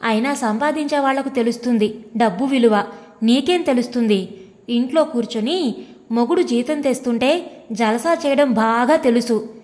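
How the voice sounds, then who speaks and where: A woman's voice: a little high, moderate pace, darkish tone, long reverb tail, close to an everyday voice. A woman reading the part of a mocking husband who scolds his wife with sneering contempt. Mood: scornful. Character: scornful, mocking husband, a grown government clerk.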